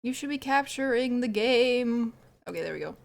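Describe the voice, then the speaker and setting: A woman's voice: fairly high pitch, animated, moderate pace, creaky. A woman streaming a game, chatting casually and rambling as she plays, often laughing. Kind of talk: casual live-stream chat while gaming.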